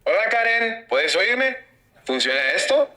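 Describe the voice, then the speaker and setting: A man's voice: sits high, sing-song, moderate pace, sharp tone, a little hiss or hum. An AI translation voice that speaks in a man's voice, playing a live call translation in a demo clip. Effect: AI translation voice speaking Spanish in a caller's voice.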